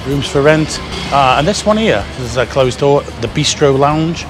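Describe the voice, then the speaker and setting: Expressive and moderately paced, a medium-pitched man in his fifties chats his way along a busy city street, showing off shops and bars for his walking tour vlog. He films with an action camera, worn or held in hand, and background music sits beneath the street sound.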